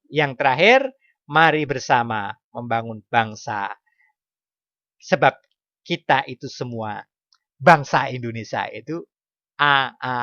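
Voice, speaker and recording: Middle-aged male teacher, bright gravelly voice, chatty online lesson with questions to the class, lo-fi call mic. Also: fairly high pitch, dry recording. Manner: chatty, self-correcting, asks questions. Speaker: primary school teacher. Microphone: computer mic on video call.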